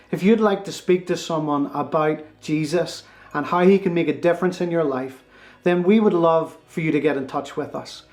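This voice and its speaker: A man with a somewhat high voice reads church announcements in a friendly, informative way. Soft music plays faintly beneath him. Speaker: church presenter. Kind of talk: announcements and sign-off.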